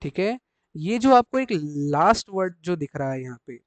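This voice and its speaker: A man's voice: a little high, big pitch swings, moderate pace, dry recording. A man teaching a beginner language lesson, asking questions and repeating each answer. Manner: repeats each answer in call-and-response quizzing. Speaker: German teacher.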